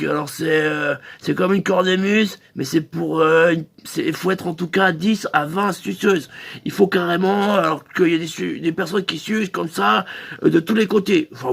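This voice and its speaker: Gravelly high-voiced man doing crude sales patter. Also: fairly bright tone. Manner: rambling, crude salesman patter full of hesitations. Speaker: sex-shop phone receptionist character. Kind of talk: comic phone sketch monologue.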